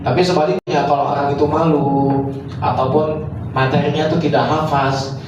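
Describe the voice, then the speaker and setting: Man, religious school teacher, slightly high voice, instructive, echoey hall, distant mic, noisy. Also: flat delivery, brisk, dull audio. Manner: instructive, uses rhetorical questions and demonstrations. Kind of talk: evaluation talk to students after speech practice.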